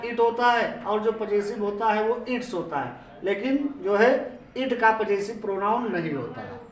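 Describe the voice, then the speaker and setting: A man with a Hindi accent teaching English grammar in a classroom lecture, speaking slowly and repeating himself while quizzing his class. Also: sits high, echoey room, recorded from a distance, low-quality recording. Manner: slow, repetitive, asks the class questions.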